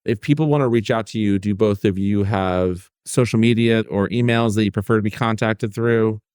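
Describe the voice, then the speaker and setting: A man's voice: lowish voice, moderate pace, a little mellow, smooth, no echo, studio quality. A man hosting a podcast interview, chatty and upbeat as he asks his guests questions. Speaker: podcast host.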